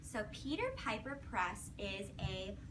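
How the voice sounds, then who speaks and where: In a noisy classroom, picked up by a distant mic, a woman teacher reads aloud to young children, asking them questions with simple prompts and praise. Her mid-range voice is slow with big swings in pitch.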